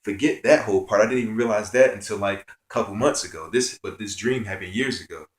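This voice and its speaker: A man's voice: lowish voice, fast, roomy sound. A man telling a personal spiritual story in an earnest, rambling way, with many fillers. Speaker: spiritual vlogger.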